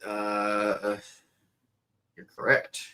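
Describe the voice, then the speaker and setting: A man's voice: fairly low pitch, completely flat delivery, very slow, pushed and bright, smooth. A man producing a podcast, speaking casually through the wrong mic so he sounds hollow and tinny, as if inside a tin can. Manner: easygoing, fixing his mic setup mid-show. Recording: distant, hollow, tinny web-call mic.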